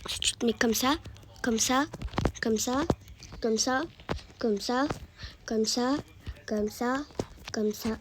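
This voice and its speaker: A woman's voice: a little high, fairly even intonation, takes it slowly, long pauses, noisy background. A woman giving casual gameplay commentary, chatty and repeating words as she guides the viewer. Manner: chatty, repeats words while guiding the player. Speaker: gaming YouTuber.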